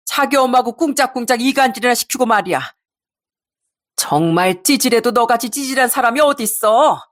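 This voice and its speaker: A woman's voice: fairly high pitch, lively intonation, a little fast, a bit bright, voice pushed up. A woman playing a scornful, protective old mother. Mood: enraged. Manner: scornful and reproachful. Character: angry older mother, protective of her daughter.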